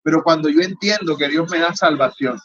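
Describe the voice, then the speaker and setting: A man's voice: a little high, brisk, fairly bright tone. A man preaching a sermon as pastor, driving his points home in long repeated lists. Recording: dull lo-fi recording with faint ambience.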